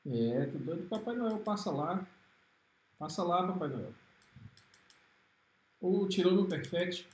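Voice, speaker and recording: A man with a Brazilian Portuguese accent giving excitable, trash-talking commentary while streaming a fighting game. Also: sits high, takes it slowly, pauses often, echoey room. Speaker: gaming streamer. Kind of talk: live gameplay commentary.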